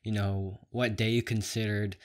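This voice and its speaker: A man's voice: on the low side, little pitch movement. Lisping young man, rambling vlogger. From Canada. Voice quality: lisp with whistling s from plastic braces. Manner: rambling, halting, self-correcting. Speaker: video blogger. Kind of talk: casual talk to camera.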